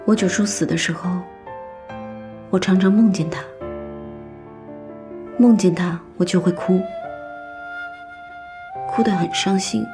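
A young actress playing a spirited, outspoken young woman who talks briskly and teases in a period TV drama. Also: lowish voice, music in the background. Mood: gentle. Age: young adult. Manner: brisk, lively and teasing. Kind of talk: dubbed TV drama dialogue.

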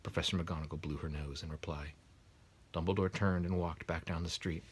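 A man softly reading a bedtime story aloud in bed, his narration sometimes dropping to a whisper. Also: deep voice, fairly even intonation, brisk, husky. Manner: soft, quiet narration, drops to a whisper. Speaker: reader.

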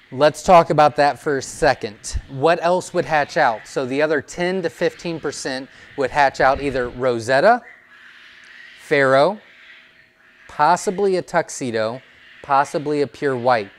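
A young man, a quail breeder, explaining his birds in an informal teaching video. He talks in a relaxed way with plenty of "um" and "uh", recorded on a lapel mic indoors. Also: a little high. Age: young adult. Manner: relaxed, explanatory, many fillers. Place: indoors, seated before a wooden wall. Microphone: clip-on lapel mic.

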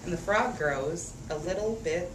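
Her pitch fairly low and her delivery a little slow, a woman animates a picture book for children, drawing out rhymes, stressing words in a sing-song way and inviting them to answer. A distant microphone captures a roomy space with faint noise behind.

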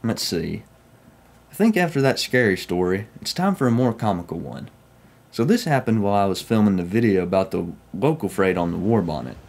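A young railfan vlogger from Oklahoma, United States, with a Southern US accent casually shares first-person stories in a folksy way from a small room at home. His voice is fairly low and darkish with vocal fry, animated and fairly quick.

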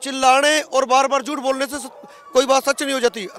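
Speaking into a handheld interview microphone outdoors at a roadside protest camp, a Haryanvi-accented farmer from Haryana, India, in his thirties makes an impassioned, argumentative political case. His very high voice is level in tone, a bit bright, and fairly quick.

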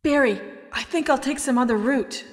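An actress playing Jill, an earnest young special-forces operative in a 1990s video game, with stilted, over-enunciated delivery. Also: female voice, high voice, normal speed, clean studio sound. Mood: calm, hesitant. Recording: long hollow reverb.

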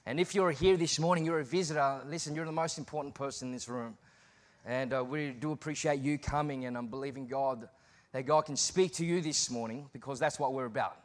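A man in his thirties with an Australian accent preaches as a guest from behind a church pulpit, his medium-pitched voice running a little fast into a pulpit microphone. His sermon shifts from relaxed, conversational talk into emphatic preaching.

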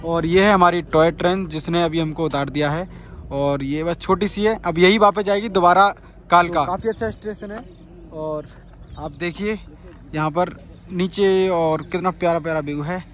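Filming himself on a phone held at arm's length, this young travel vlogger in his twenties chats eagerly to camera outdoors and in moving cars, his voice sitting high. Street sounds, traffic and wind are audible behind him.

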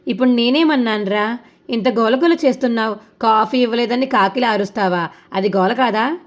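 A woman voicing a sharp-tongued, scolding middle-aged mother-in-law in a retold serial. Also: a little high, normal speed, close to an everyday voice. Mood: indignant. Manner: nagging, shouting.

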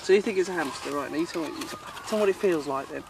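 A woman, presenting a guessing game for children with gentle, coaxing questions, recorded outdoors. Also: low-pitched, very fast. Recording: distant mic with outdoor noise.

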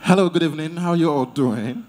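A man's voice: on the high side, a little fast, darkish tone. A man with a Nigerian Pidgin accent doing live stand-up crowd work at an event, teasing audience members playfully. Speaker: comedian host at an event.

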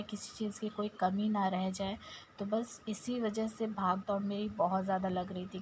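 A woman's voice: medium pitch, a little hiss or hum, rough recording. A woman with an Indian accent narrating her home vlog to viewers in a chatty, step-by-step way. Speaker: vlogger. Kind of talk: casual vlog voice-over.

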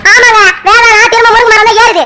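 A woman voicing an exasperated middle-aged mother in a cartoon family serial who scolds her daughter loudly. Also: very high-pitched, level tone, quick pace, background noise, voice pushed up. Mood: scolding. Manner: loud, scolding. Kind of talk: animated family serial voice acting.

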